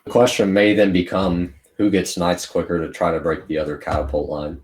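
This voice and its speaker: A man's voice: deep voice, level tone, a little fast, darkish tone. A man giving live commentary on a strategy game, laying out what each player is planning. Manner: analytical, lays out what each player plans. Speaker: esports commentator.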